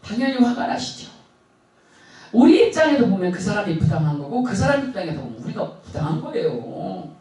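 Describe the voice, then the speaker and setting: Animated preaching pastor in echoey hall. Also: male voice, high-pitched, fast, far from the mic, a crowd in the background. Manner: storytelling with emphatic swings and laughter. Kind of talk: sermon. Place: church sanctuary. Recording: echoey church hall, speaker off-mic.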